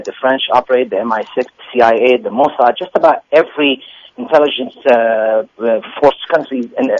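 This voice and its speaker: A man's voice: mid-range voice, dull audio. A man speaking as an activist guest by phone, arguing his point insistently with many fillers and restarts. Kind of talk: phone interview, argumentative commentary. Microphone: phone line.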